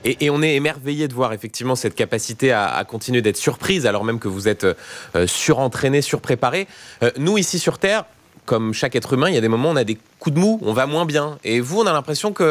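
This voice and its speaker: A man's voice: mid-range voice, animated, fast, no room sound. Male radio interviewer, dry studio sound.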